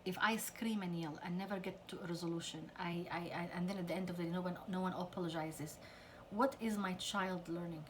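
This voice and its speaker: A woman's voice: on the low side, steady tone, a little fast, hardly any pauses, slight background noise. A middle-aged woman counselor giving an earnest talk to parents about conflict with teenagers. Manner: earnest, acts out quoted parents and teens. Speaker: family counselor.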